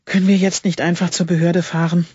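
A man reading a wary female scientist, husky. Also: sits high, little pitch movement, a little fast, darkish tone, dry recording. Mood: questioning. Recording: dull lo-fi recording.

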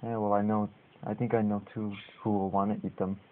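A man's voice: fairly low pitch, little pitch movement, fairly quick, slight background noise. A man hosting a casual video at home, talking to his dogs in affectionate puppy talk. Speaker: video host. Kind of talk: casual vlog talking to pets. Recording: tinny phone-like lo-fi audio.

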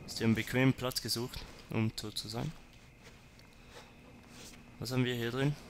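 A man's voice: medium pitch, fairly even intonation, moderate pace, background noise. A man commenting on his gameplay, talking to zombies and to himself and swearing when startled. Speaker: let's player.

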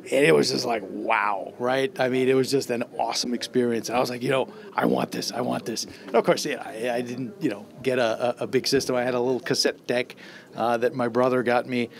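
A middle-aged man from Austria speaks into a handheld mic held close, in a casual, eager introduction. He rambles, circling back with fillers and repeated starts, at an ordinary middle pitch. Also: steady tone, a little fast, gravelly. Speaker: audio writer and guest. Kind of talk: casual spoken introduction to camera. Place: trade show demo room.

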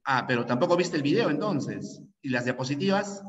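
A man's voice: mid-range voice, expressive, brisk, a little hiss or hum. Man lecturing in an echoey classroom. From Peru. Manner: repeats key rules over and over, drilling students; asks frequent checking questions. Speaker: pre-university language teacher. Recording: echoey room, distant mic, dull sound.

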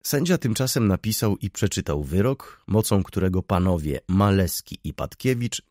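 Male audiobook narrator, deep voice, lively inflection, dry close-mic studio. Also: no echo. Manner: expressive, measured reading.

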